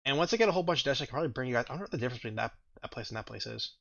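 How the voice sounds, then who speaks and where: A man's voice: mid-range voice, lively intonation, racing, vocal fry, a bit bright, lo-fi sound. A man casually commenting on his own gameplay, thinking aloud and rambling, with a groggy morning voice. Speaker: gaming video host. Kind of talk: casual let's-play commentary.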